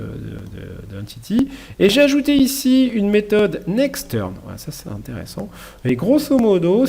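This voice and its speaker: A man's voice: mid-range voice, vocal fry, warm tone, breathy edge. A man giving a casual programming lecture while demonstrating code, chatty and self-correcting with frequent apologies. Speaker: university lecturer. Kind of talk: live coding lecture.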